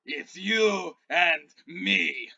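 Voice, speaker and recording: A man's voice: sits high, extremely slow, vocal fry, muffled recording, full character voice. A man voicing a brash, grinning male warrior in a tabletop game, speaking boldly. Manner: shouting, bold.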